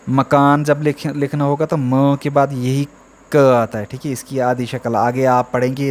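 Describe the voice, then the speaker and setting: A man teaching the alphabet to beginners, sounding out each letter slowly and repeating example words with frequent check-ins. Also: mid-range voice, a little mellow, slight background noise. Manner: drawn-out, repetitive letter drills with frequent "theek hai". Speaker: Urdu teacher. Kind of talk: slow beginner alphabet lesson.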